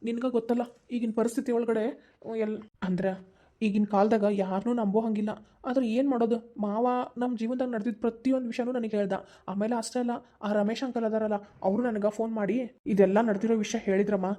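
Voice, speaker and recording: Woman as cartoon young son, North Karnataka accent, quick pleading delivery, dark mellow tone. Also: a little high, fairly even intonation, lightly acted. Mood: earnest. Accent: North Karnataka Kannada. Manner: pleading, determined, talks fast. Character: earnest young man, devoted son and brother. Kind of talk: cartoon voice acting.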